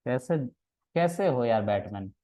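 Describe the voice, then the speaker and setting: A man's voice: mid-range voice, expressive, unhurried, dark tone. Teasing Hindi-speaking male trainer. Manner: teasing, playful, mixing in English words. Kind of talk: casual classroom banter.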